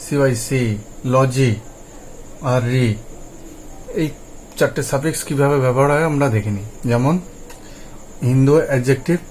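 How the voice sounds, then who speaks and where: A man teaching English pronunciation and word meanings, patiently repeating words for practice in a slow drill. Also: medium pitch, darkish tone, slight background noise, low-quality recording. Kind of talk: Bengali-language lesson, spoken explanation.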